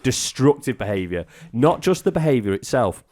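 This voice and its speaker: A man's voice: mid-range voice, big pitch swings, normal speed, dark tone. A man on a comedy podcast, giggling and stumbling as he reads product labels aloud. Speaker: podcast co-host. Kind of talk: casual comedy podcast chat.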